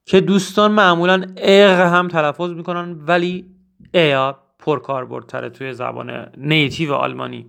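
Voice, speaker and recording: A man teaching German in Persian who says German phrases slowly and then explains them. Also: on the high side, steady tone, gravelly, a bit bright. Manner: earnest, urges memorizing phrases. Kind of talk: spoken language lesson.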